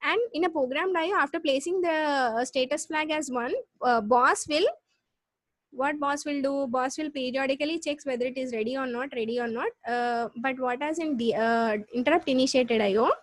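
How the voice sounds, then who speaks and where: A woman with a South Indian accent teaching a live online class, explaining step by step with repeats and halting restarts. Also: sits high, no echo. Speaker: computer science lecturer. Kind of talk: live online lesson with check questions.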